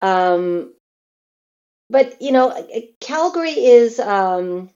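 Speaking slowly and expressively, this woman, a theatre performer from Canada raised in Newfoundland and Alberta, spins casual anecdotes as an interview guest and voices what others might say. Her pitch is fairly high, her tone dark. The sound is lo-fi.

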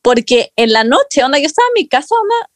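A woman's voice: sits high, brisk, no room sound. Young Chilean woman telling a story. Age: young adult. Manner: slangy, animated, quotes others. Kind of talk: casual storytelling chat.

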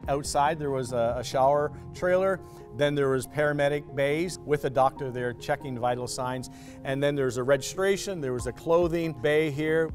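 A man who is a police chaplain earnestly explaining events in a halting way, with fillers. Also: medium pitch. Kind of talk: news interview clip.

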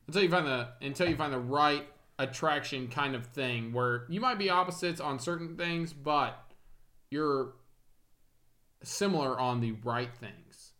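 A man's voice: fairly high pitch, measured pace, bright, forceful tone. A man in his twenties co-hosting a podcast, talking in a laid-back, reflective way and swearing casually. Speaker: podcast co-host.

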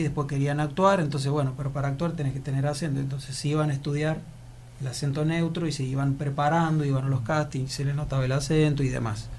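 Slight background noise accompanies a man from Argentina, an actor with an Argentine accent, whose voice is a little high. He answers casual interview questions reflectively, rambling and restarting many times.

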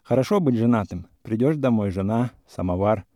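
A man voicing a sharp-tongued, mocking young woman in a classic story reading, with an ironic, teasing manner. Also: on the low side, lively intonation, brisk, no echo, clean studio sound, lightly acted. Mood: scornful. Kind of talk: audiobook character reading.

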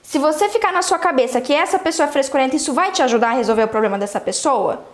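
A young adult woman with a Brazilian accent, a dentist telling a patient story to fellow dentists in a lively, animated way. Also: high voice, fast, echoey room. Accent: Brazilian Portuguese. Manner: animated storytelling, acts out quotes. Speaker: dentist teaching other dentists. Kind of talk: casual teaching talk with a story.

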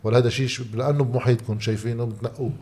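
A man's voice: medium pitch, steady tone, rapid-fire, mellow. A man with a Lebanese Arabic accent interviewing in a casual, conversational way with loose phrasing.

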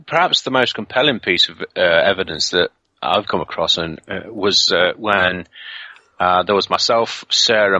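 A man from the UK with a low, bright and forceful voice tells an animated, rambling anecdote in a casual interview, filling gaps with "um" and "uh". His voice comes through as dry, dull, lo-fi audio with no room sound. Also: no room sound. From United Kingdom. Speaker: ghost hunter guest.

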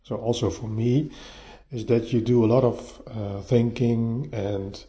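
A man's voice: mid-range voice, fairly even intonation, dark tone. Man talking into his phone, lo-fi sound. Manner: halting, often repeats words as he restarts. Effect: voice recorded on a phone. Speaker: podcast host. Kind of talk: casual solo podcast monologue. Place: partly furnished bedroom, a bit echoey. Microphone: phone voice-note app. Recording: lo-fi phone recording, echoey room.

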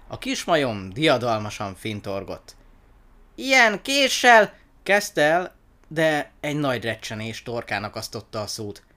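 A man narrating a children's story aloud in an expressive, animated reading. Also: on the low side.

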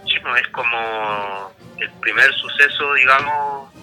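A man's voice: medium pitch, slow, over loud music, poor audio. A man with a Chilean accent casually discussing history, rambling with many restarts and fillers. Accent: Chilean Spanish.

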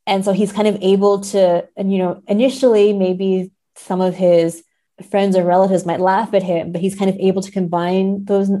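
In a relaxed literary conversation, a female podcast guest speaks thoughtfully and often checks in with tag questions. Her mid-range voice is warm and level, delivered at a normal speed.

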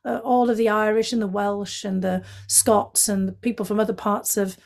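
A middle-aged woman from County Durham, England, speaks with a Northeast English accent in a mid-range, gravelly voice with a darkish tone. Her delivery is level and at normal speed. A former intelligence analyst appearing as a guest, she answers interview questions fluently and candidly, using frequent fillers.

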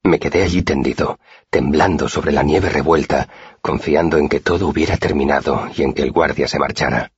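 Very deep husky male audiobook narrator. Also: dry recording. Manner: steady, measured first-person storytelling. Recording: dull lo-fi dry recording.

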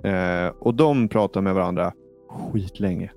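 A man's voice: low voice, faint music behind. A man hosting a casual gaming podcast, telling stories with lots of fillers and restarts. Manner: animated storyteller, many fillers. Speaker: podcast host.

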